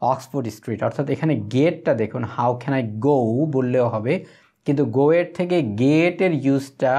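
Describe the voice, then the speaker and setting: A man teaching spoken English, saying English phrases slowly and clearly for learners to repeat. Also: mid-range voice, a little mellow. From Bangladesh.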